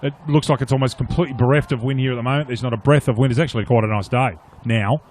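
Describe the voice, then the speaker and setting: A man with an Australian accent giving live play-by-play of an Australian rules football match in short, clipped, animated phrases. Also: medium pitch, very fast, a little hiss or hum. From Australia, regional New South Wales. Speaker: sports commentator. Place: outdoor commentary box at a suburban football oval.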